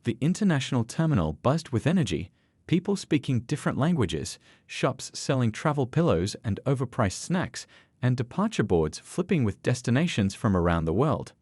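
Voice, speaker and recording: A man narrating a scripted story in an expressive storytelling manner. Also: mid-range voice, moderate pace, breathy edge, no room sound.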